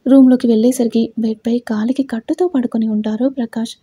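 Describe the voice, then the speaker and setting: A woman narrating a story in a steady, even voice. Her tone is dark and mellow with a husky edge. The recording is dry and close. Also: a little high, brisk, dry recording. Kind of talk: scripted narration.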